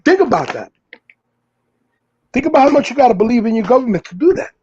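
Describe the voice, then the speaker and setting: A man's voice: extremely high pitch, sing-song, quick pace, darkish tone, dull audio, a little hiss or hum. A man from the US Northeast, the host, talking loosely in casual chat, full of fillers and restarts. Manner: rambling, many fillers and restarts.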